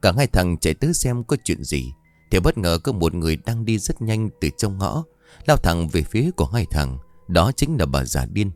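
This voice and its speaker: Deep-voiced man narrating a horror story. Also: big pitch swings, normal speed, darkish tone.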